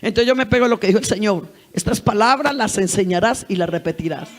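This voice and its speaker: A woman's voice: mid-range voice, fast, slight background noise. A middle-aged woman preaching a sermon in a folksy way, acting out little scenes from family life. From Colombia.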